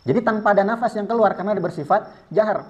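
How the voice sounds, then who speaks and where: A man's voice: high voice, fast. A man teaching Quran recitation rules, patiently explaining each step and modelling sounds for students to repeat. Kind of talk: tajwid lesson with spoken demonstrations. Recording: dull lo-fi sound.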